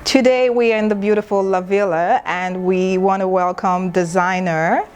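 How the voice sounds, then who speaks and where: A woman's voice: medium pitch, steady tone, normal speed, darkish tone, a little hiss or hum. A woman hosting a TV fashion interview, asking brief upbeat questions. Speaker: show host.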